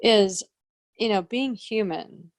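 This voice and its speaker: A woman's voice: mid-range voice, slow pace, dry recording. A woman co-hosting a podcast, talking in a rambling, reflective way with frequent restarts as she searches for words. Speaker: podcast co-host. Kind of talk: casual spiritual conversation.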